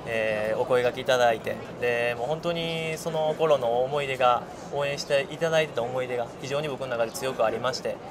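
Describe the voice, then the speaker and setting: A man in his thirties, a former player now company director, answering politely and in measured terms on a cafe terrace. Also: medium pitch, crowd noise. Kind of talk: interview answer. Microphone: lapel mic. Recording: noisy terrace behind.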